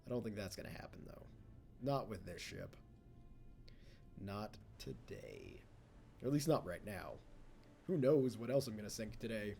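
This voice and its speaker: Rambling casually as he plays, a young English-speaking let's play host talks to the game and makes fun of himself. His fairly low voice is sing-song, creaky and warm, at a moderate pace with long pauses. Faint music plays behind.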